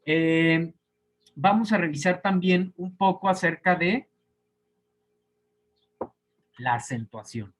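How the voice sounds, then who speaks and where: A man's voice: high voice, a little slow. A male teacher giving an online class lecture, explaining patiently step by step and sounding out example words syllable by syllable.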